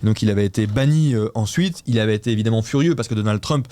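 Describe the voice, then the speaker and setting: A man's voice: on the low side, fast, dark tone, dry recording. Hesitant male news host, dry sound. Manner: hesitant, restarting often, chatty and self-mocking. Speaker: host of a weekly news show. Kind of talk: casual news recap and quiz with co-hosts.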